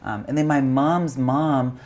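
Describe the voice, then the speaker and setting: A man from Brazil, speaking as an interview guest in an open, expressive way and swearing casually. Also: mid-range voice, takes it slowly. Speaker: guest, meditation teacher and coach. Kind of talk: candid interview chat.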